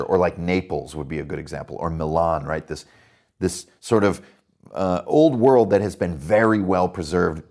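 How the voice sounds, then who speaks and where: A man with a low voice hosts a roleplaying game podcast. He rambles with enthusiasm about his setting, leaning on fillers and asides. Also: darkish tone. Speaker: podcast host and dungeon master. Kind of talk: casual worldbuilding talk.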